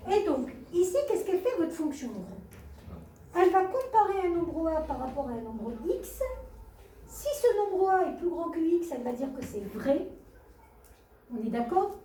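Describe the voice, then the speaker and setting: A woman's voice: very high voice, warm tone. A woman teaching a math class, explaining patiently, repeating points and asking the students questions. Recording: echoey classroom from far off.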